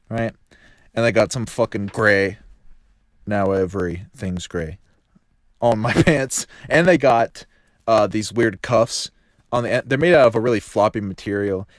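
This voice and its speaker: A man's voice warped by a glitchy mic into a deep demonic half-robot growl, fairly low in pitch. He rambles and swears his way through loose podcast banter. The sound is dry and close. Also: no room sound. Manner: rambling, swears constantly, laughs often. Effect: distorted deep demonic, half-robot mic filter. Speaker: podcast co-host. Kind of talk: casual profane podcast banter.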